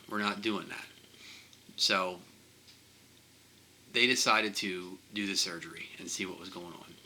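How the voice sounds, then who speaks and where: A man telling a personal vlog, halting and emotional, often repeating himself as he speaks. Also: on the low side, bright, forceful tone, low-quality recording. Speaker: vlogger.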